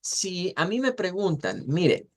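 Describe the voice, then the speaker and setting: A man's voice: high-pitched, sing-song. Man teaching pronunciation, repeating words. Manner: explanatory, repeats words slowly to model sounds. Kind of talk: online class lecture.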